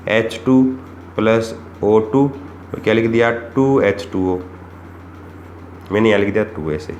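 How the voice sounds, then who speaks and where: A man teaching chemistry for exams, asking rhetorical questions and repeating the key points. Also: medium pitch. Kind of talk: exam-prep lesson. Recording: echoey room with faint background noise.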